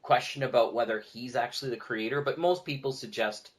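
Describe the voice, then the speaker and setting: A man with a brisk, mid-range voice appears as a podcast guest and audio drama producer, telling stories in a casual, discursive, conversational way.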